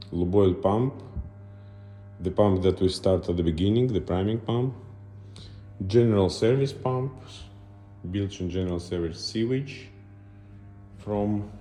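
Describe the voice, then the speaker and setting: A man narrating an unscripted video tour as a guide, halting and pausing between short phrases. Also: low voice, warm tone, roomy sound.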